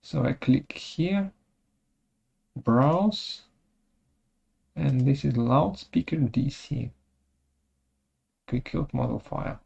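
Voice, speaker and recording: The muffled recording of a webinar has a presenter of unclear sex going through a software demo step by step in short, halting phrases. Their mid-range voice has vocal fry and a breathy edge.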